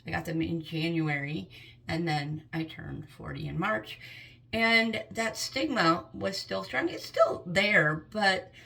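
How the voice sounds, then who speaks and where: A woman's voice: lowish voice, slow, vocal fry, sharp tone, low-quality recording. A woman in her fifties speaking candidly and earnestly to camera in a personal vlog. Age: 50s. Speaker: vlogger.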